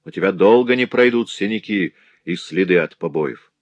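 Man doing a calm tough older brother, firm and cold, deep voice, dry. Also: normal speed, no echo. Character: strong calm older brother, seasoned fighter.

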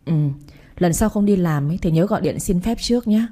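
A woman voicing a brisk male office boss. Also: fairly low pitch, animated, dark tone. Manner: brisk, businesslike.

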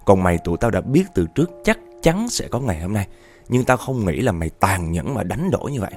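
A storyteller speaks as stern family elders lecturing a wayward relative. The voice is low, dark and lively in pitch. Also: male voice, fairly quick, faint music behind. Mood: scolding. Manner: scolding, lecturing.

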